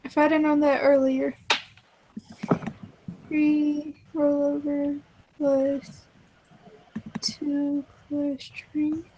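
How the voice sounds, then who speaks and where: A woman's voice: sits high, monotone, drawn-out words, long pauses, dark tone, slight background noise, poor audio. A young woman playing a tabletop game, asking questions and counting her dice aloud. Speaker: player. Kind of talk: casual tabletop play.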